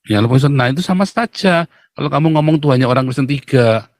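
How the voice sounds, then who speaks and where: A man's voice: medium pitch, quick pace, darkish tone, no echo. A man from Indonesia speaking, hosting a live stream of blunt, mocking religious commentary, lecturing viewers.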